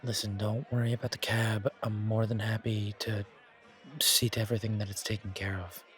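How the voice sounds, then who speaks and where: In a naturalistic one-sided roleplay, a man plays a warm, reassuring bartender at a supernatural bar while a crowd chatters behind him. His natural voice is fairly low and fairly bright with a level tone, and he talks briskly in a chatty, slightly hesitant, concerned but comforting way.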